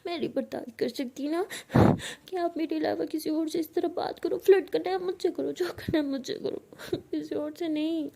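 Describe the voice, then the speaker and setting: A woman voicing a jealous, teary young college woman who pleads in a higher, petulant tone. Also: fairly even intonation, moderate pace, vocal fry, warm tone. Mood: tearful. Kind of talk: storytelling role-play.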